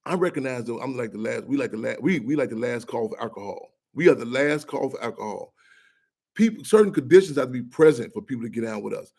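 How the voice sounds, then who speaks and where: Fast, fired-up man talking in bursts. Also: mid-range voice, lively intonation, vocal fry, darkish tone. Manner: fast, passionate, repeats and restarts phrases. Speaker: activist guest. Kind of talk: passionate radio interview talk.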